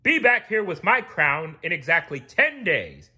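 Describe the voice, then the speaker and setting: A man voicing a stern, short-tempered sea king in a storybook read-aloud, loud and commanding. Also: on the high side, big pitch swings, a little slow, slightly rough, muffled recording, voice pushed up, full character voice.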